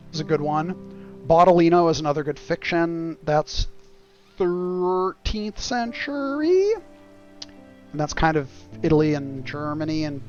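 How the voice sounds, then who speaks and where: A man's voice: a little high, highs cut off. Wry man chatting on a livestream. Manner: wry, sweary, sarcastic asides. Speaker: game streamer. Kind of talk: casual livestream chat and game commentary. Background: music.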